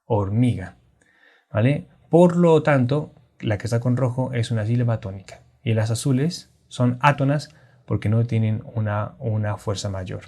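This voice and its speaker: A man's voice: mid-range voice, a little mellow. A man teaching a lesson on Spanish accentuation, explaining patiently and checking in with his listeners. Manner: patient, explanatory, with frequent restarts and check-ins. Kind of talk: classroom lesson on Spanish grammar.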